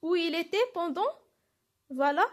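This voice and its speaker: A woman's voice: very high-pitched, unhurried. A woman teacher giving a lesson, explaining step by step and answering her own questions. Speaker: French teacher. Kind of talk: classroom lesson.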